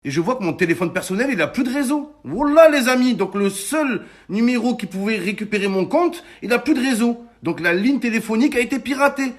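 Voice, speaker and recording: A man's voice: very high voice, lively intonation, brisk, hardly any pauses. A man, telling a story in a heated vlog rant, swearing and acting out the other people in it. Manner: heated, emphatic, swears a lot, acts out callers. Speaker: influencer telling his story.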